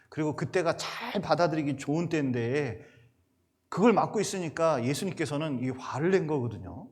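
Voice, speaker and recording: A male pastor preaching to parents, telling stories with acted-out quotes. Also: on the high side. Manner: animated storytelling with acted-out quotes. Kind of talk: sermon to parents.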